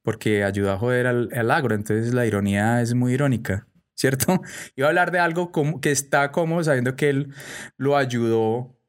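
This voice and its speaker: Colombian guy riffing on the news, chatty, keeps tossing in tag questions, medium pitch. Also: moderate pace. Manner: chatty, peppers speech with "pues" and "¿cierto?". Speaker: host. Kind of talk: casual commentary monologue.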